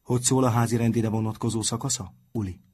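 A man reading aloud and voicing a strict, measured middle-aged schoolmaster. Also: lowish voice, fairly even intonation, a little mellow, slight background noise, close to an everyday voice. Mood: questioning. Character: stern, calm middle-aged male schoolmaster.

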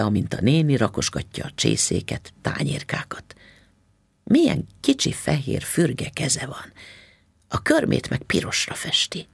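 A man narrating a story as an audiobook reading, in a calm, measured way. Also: medium pitch, creaky, slightly rough, no room sound, studio quality.

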